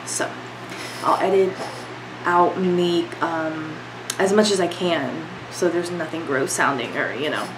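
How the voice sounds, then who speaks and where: A young woman, congested with a cold, vlogs from her bedroom at home in a low-pitched voice at a measured pace. She talks candidly to the camera, rambling and using lots of fillers, with noise in the background.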